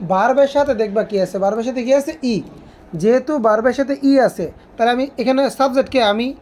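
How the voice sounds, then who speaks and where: A woman's voice: a little high, brisk, a little mellow. A woman English teacher, giving a classroom grammar lesson and asking her students questions again and again. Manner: asks students repeated questions.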